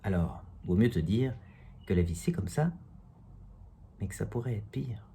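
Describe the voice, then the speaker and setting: Indoors at home, a man reads a humorous poem he wrote, breaking in with self-deprecating asides between verses for a casual video. His voice is fairly low, creaky and warm, with lively intonation and a moderate pace; a little hiss or hum can be heard.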